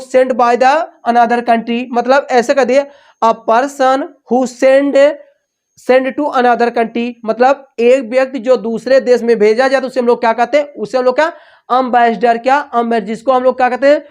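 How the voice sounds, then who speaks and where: A woman English teacher with a slightly high, darkish voice leads an exam-prep vocabulary lesson. She drills each word through call and response, repeatedly asking and then answering herself, while switching freely between Hindi and English.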